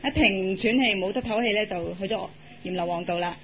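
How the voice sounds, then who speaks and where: A man with a Cantonese accent interpreting a monk's talk phrase by phrase, in a brisk way. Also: high-pitched. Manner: brisk, relaying each phrase. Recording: dull lo-fi recording with faint hiss.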